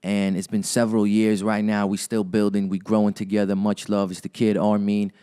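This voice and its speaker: Young rapper dude in an interview, low flat voice, laid back with slang, kinda repeats himself. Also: male voice, fairly quick, clear, resonant tone. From Los Angeles area, Armenian heritage. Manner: laid-back hip-hop slang, repeats words as he thinks. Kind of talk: casual interview talk.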